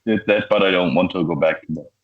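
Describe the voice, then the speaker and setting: A young man with a low voice talks casually as an interview guest, with lots of "like" and restarts. His audio sounds like a roomy, somewhat muffled remote call. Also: quick pace. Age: young adult. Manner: casual, many likes and restarts. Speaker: guest software developer.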